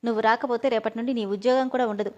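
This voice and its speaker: A man's voice: extremely high pitch, fairly even intonation, very fast, a little mellow. A woman voicing a stubborn young male boss who speaks firmly and insistently. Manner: firm, insistent. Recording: dull lo-fi audio.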